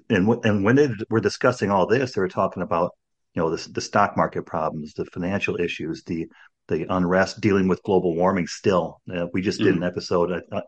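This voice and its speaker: On lo-fi audio, a husky, low-sitting voice comes from a man in his sixties hosting a podcast. He speaks casually and rambles, restarting often and leaning on "you know."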